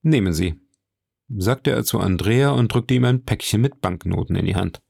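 A man narrating an audiobook in a lively, dramatic reading style. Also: on the low side, normal speed, vocal fry, slightly rough, no echo, studio quality.

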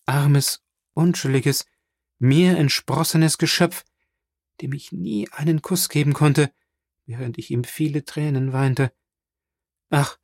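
A man reading a frightened, grieving noblewoman in an audiobook, pleading and rising in pitch. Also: darkish tone, no room sound, clean studio sound. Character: anguished middle-aged noblewoman, frightened and grieving.

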